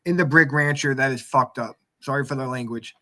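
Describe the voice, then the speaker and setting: Male guest, mid-pitch, rambly, animated, slightly hoarse voice. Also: fairly quick. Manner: rambling, restarts, animated when telling stories. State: hoarse from talking. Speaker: guest, paranormal radio show host. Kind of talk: casual interview chat.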